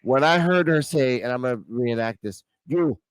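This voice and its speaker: A man's voice: medium pitch, animated, moderate pace, smooth, low-quality recording. A man in his forties casually recapping a wrestling show, loose and profane, rambling through the matches. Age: 40s. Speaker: podcast co-host. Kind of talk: casual wrestling review chat.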